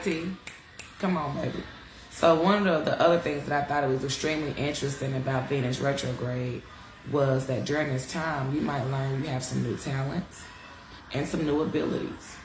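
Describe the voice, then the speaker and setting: The audio is rough, roomy, and carries slight background noise as a congested woman with a very deep voice holds a casual live-stream astrology talk. An astrology teacher using a live-stream device mic, she's chatty, frank, profane, and calls her viewers y'all.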